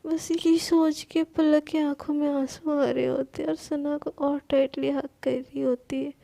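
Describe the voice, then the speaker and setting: A woman telling a serialized love story in a chatty, friendly way. Her voice is high with a gravelly edge and a dark, mellow tone. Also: little pitch movement, measured pace. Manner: chatty, addresses listeners as friends. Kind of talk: casual storytelling.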